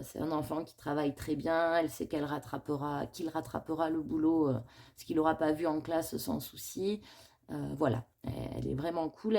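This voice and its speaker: A woman in a casual coloring vlog, talking to her viewers while she works. Her voice sits a little on the low side. She thinks aloud in a rambling, confiding way and sounds a bit worried. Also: gravelly, darkish tone. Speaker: coloring vlogger.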